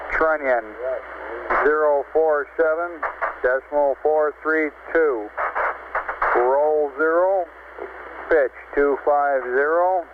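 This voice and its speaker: A man working as a mission control communicator, giving measured, clipped procedural messages over a two-way radio. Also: on the high side. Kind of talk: procedural radio readout of figures. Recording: tinny noisy 1960s radio link.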